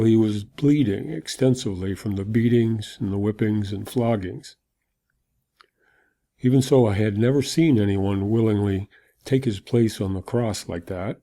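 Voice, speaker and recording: Male actor as weary Roman soldier, dark mellow voice, lowish pitch, reflective first-person monologue, conversational. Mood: dismissive. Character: weary Roman soldier recounting an execution, awed.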